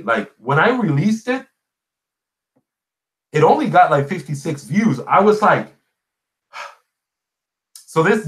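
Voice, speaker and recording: This man's voice is a little high and a bit bright. He is a small YouTuber and podcast host from Puerto Rico, Spanish-speaking first, with a Puerto Rican accent, chatting casually in reply to live viewer comments while telling stories emphatically and repeating phrases for effect.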